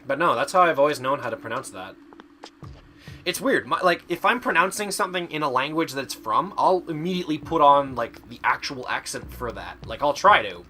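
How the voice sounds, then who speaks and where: A man's voice: on the high side, lively intonation, brisk, bright, forceful tone, a little hiss or hum. A man from Canada doing live game stream commentary, chatting away and playfully arguing with his chat as he reads it aloud.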